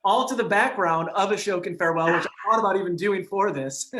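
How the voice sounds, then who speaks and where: A man hosting a casual history chat, easygoing with lots of "uh"s, reading an old letter aloud slowly and earnestly. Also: high voice, pushed and bright, slight background noise. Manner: easygoing, with filler "uh"s and laughs, reads slowly and earnestly. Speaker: historian podcast host.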